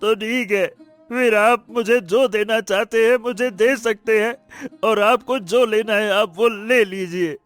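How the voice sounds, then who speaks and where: A man voicing a gentle, patient younger son in an animated story, speaking softly and respectfully. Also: sits high, a little slow, soft background music. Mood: pleading. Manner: soft, pleading, respectful.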